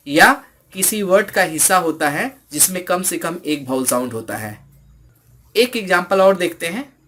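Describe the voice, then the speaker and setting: Slow, bright-voiced male English teacher. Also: on the high side, a little hiss or hum. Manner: explains slowly, stressing example words. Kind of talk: bilingual English lesson.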